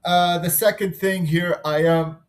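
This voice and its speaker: A man in his thirties from Canada, an engineer giving an unscripted class presentation. He talks easily and pauses now and then while working on his screen. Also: high voice, steady tone.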